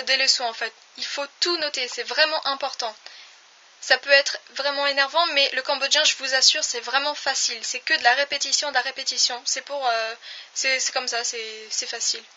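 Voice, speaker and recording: A woman teaching an online language lesson, pronouncing each word slowly and carefully and repeating it several times. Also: high voice, sharp tone, muffled recording.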